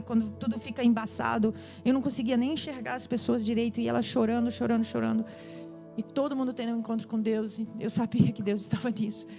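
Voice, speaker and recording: A woman's voice: on the high side, vocal fry. A young woman, sharing a personal testimony in a sermon and acting out the dialogue as she goes. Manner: animated storytelling, acts out dialogue. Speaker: preacher. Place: church.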